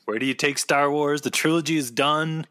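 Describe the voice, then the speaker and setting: Bright-voiced man in casual chat. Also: on the high side, fairly even intonation, moderate pace. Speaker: podcast co-host. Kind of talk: casual chat, pop-culture discussion.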